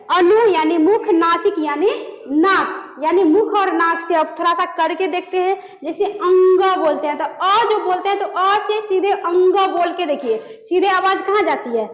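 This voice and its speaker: High-voiced woman teaching in an echoey room. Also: a bit bright. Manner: asks questions and answers them herself, repeats key terms. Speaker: Hindi grammar teacher. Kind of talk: classroom lesson. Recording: echoey room with long reverb.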